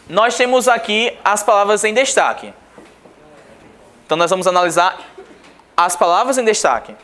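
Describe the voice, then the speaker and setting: Brazilian teacher with a lively, animated voice. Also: male voice, sits high. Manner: asks the class questions and answers them himself; reads the passage slowly and carefully. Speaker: Portuguese teacher. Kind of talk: exam review lesson.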